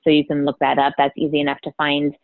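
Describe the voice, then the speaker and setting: A woman's voice: low-pitched, monotone, quick pace, no room sound. A woman drama therapist explaining her ideas in a podcast interview, often checking in with "right?". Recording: phone-like dry line.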